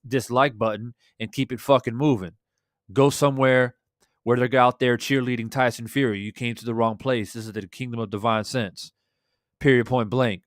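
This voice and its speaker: A boxing livestream host in his thirties greets his viewers from a small home room, speaking into a studio desk mic while wearing headphones. His hoarse, medium-pitched voice stays smooth and resonant under the strain, laid-back and chatty, with casual swearing and a dry, close sound free of room echo.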